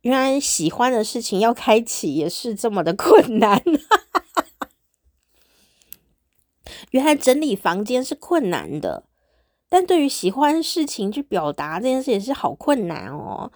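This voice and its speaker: A woman's voice: fairly high pitch, big pitch swings, moderate pace, a little mellow, dry recording, clean studio sound. Giggly bashful Taiwanese Mandarin woman. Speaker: podcast host, former radio DJ. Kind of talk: casual solo diary chat.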